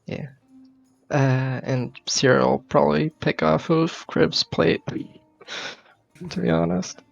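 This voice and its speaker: A man's voice: on the high side, fairly even intonation, slow pace, vocal fry, soft background music. A man chatting casually as a player in a tabletop game, hesitant, on a dull recording. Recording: dull, lo-fi voice sound.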